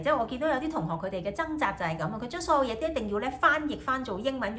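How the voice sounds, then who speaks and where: With slight background noise, a young student from Hong Kong speaks at medium pitch in a relaxed video diary. Her Hong Kong accent reflects her native Cantonese, and she pauses often, fills silences, and restates every thought in Cantonese after saying it in English.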